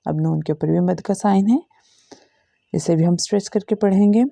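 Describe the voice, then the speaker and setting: A woman teacher with an Urdu-Hindi accent walks through a recitation lesson letter by letter, stretching each sound patiently. Her voice is dark and mellow with a gravelly edge. The recording is dry and close. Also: fairly low pitch, moderate pace, no echo. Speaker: Quran reading teacher. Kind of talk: slow step-by-step recitation lesson.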